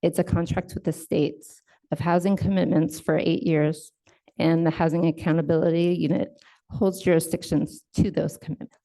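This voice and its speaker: A woman on state housing enforcement staff, giving a conference presentation from slides and explaining in a measured way, with fillers and self-corrections. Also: low-pitched, flat delivery, vocal fry, warm tone.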